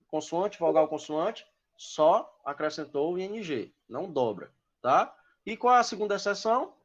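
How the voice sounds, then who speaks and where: Patient teacher on lo-fi audio. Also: male voice, sits high. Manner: patient, keeps checking in with "tá?". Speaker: English teacher. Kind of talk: online class explanation. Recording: lo-fi online class audio.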